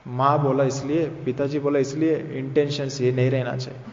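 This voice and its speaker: A man's voice: medium pitch, little pitch movement, normal speed, slight background noise. Male preacher, earnest sermon, repeated phrases, long hall echo, dull lo-fi sound. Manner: earnest exhortation with personal stories and repeated phrases. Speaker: preacher at a youth meeting. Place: church hall.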